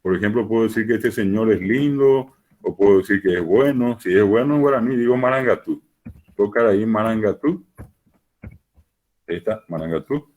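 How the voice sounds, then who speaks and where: A man with a low voice gives a lecture, walking through examples patiently and repeating them so learners can follow. He sounds like he is speaking over a video call. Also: normal speed, darkish tone, lo-fi sound. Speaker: teacher.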